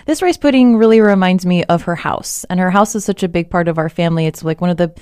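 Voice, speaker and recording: A woman from Miami chats in an easy, casual way and laughs often. Her voice is smooth and clear, recorded close and dry with no room sound. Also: on the low side, fast talker, a little mellow, dry recording. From Miami, United States. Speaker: radio reporter and guest. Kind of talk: casual conversation.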